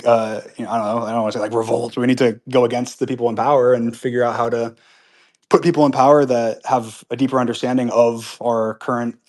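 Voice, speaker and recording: A man's voice: mid-range voice, little pitch movement, fast, darkish tone. Rambling man chatting live at home. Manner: rambling, with many restarts and fillers; upbeat and earnest when disagreeing. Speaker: host of a live audio chat room. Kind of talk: casual live chat answering listener comments. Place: at home with pets nearby.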